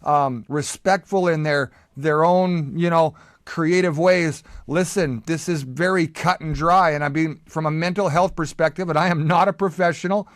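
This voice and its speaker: A man's voice: on the high side, fairly even intonation, moderate pace, few pauses, no room sound, clean studio sound. A man hosting a talk show, arguing bluntly and emphatically, stumbling over repeated words when worked up. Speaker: podcast host. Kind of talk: heated conversational argument.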